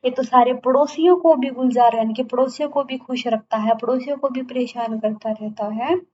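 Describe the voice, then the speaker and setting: A woman's voice: high voice, steady tone, brisk, a little mellow. A woman teacher explaining a textbook chapter to students, retelling each line again in simpler words. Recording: dull lo-fi recording, faint background hum.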